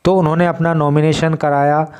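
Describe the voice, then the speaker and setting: A man's voice: fairly high pitch, little pitch movement, a little mellow, smooth. A man teaching English vocabulary in Hindi, patiently explaining newspaper words one by one. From India. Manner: slow, patient word-by-word explanation.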